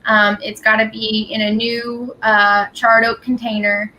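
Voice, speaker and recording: A woman's voice: on the high side, flat delivery, a little slow, sharp tone, dull audio. A woman talking casually and explaining things as a company representative at a tasting. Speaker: distillery representative. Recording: clear background noise.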